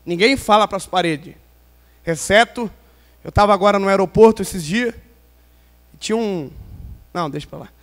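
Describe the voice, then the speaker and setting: High-voiced preacher man in a reverberant hall. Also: normal speed, long pauses. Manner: playful, swings from loud emphasis to quiet asides. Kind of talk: pentecostal sermon with humorous stories. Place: large church hall.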